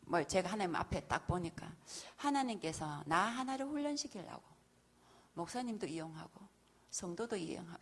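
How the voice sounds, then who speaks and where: Lively husky-voiced middle-aged woman testifying. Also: on the low side, moderate pace. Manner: animated storytelling, acting out her own past prayers and talks, laughing often. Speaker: church deaconess giving a testimony lecture. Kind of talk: testimony talk at an evangelism school.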